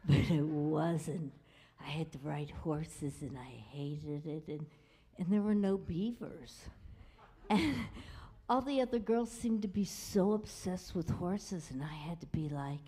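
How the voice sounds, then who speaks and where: A woman singer-songwriter telling wry, self-deprecating autobiographical stories with hushed asides in a live musical revue on a small club stage. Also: sits low, a little slow, in a large hall.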